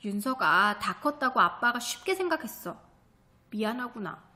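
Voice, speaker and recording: Woman doing a slow, low-voiced storybook father. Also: big pitch swings. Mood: gentle. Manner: slow, lowered, scolding then gentle. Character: stern but loving father, middle-aged man.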